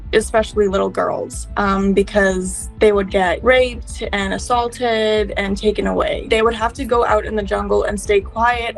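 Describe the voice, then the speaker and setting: A young woman who grew up speaking Fiji Hindi talks casually and earnestly about her own life. Her voice has a noticeable creak, and music plays underneath. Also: medium pitch, rough recording. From Fiji or Fijian diaspora family. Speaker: interviewee. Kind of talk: personal storytelling, casual talk.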